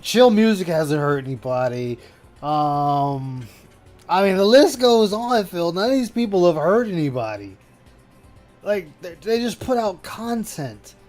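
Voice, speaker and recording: A man's voice: sits high, big pitch swings, a little slow, darkish tone, soft background music. A man hosting a casual stream chat, talking loosely and swearing as he laughs. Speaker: stream host.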